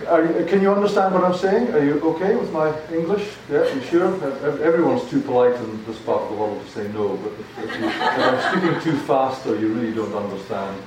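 Speaking a little fast with few pauses, this medium-pitched older man has a Scottish accent and lectures as a guest at a university. He's chatty and self-deprecating, repeating words often. The sound is echoey, from a large hall, with a distant handheld mic and faint noise.

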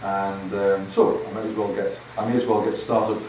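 A lowish, darkish male voice with a level tone and moderate pace belongs to an older Scottish guest lecturer. His academic lecture is chatty and self-deprecating, with lots of repeated words. It's recorded in a large, echoey hall from a distant handheld mic, with faint noise.

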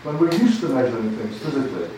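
Warm in tone and quick in delivery, the mid-range voice of an older Scottish guest lecturer rises and falls dramatically. He repeats words often in a chatty, self-deprecating university lecture. Recorded at a distance on a handheld mic in a big, echoey lecture hall, with faint noise.

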